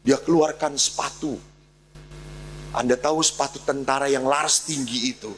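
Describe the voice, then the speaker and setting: Gravelly priest telling a story. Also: male voice, medium pitch, normal speed, a little hiss or hum. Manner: animated storyteller, acts out dialogue. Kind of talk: storytelling sermon.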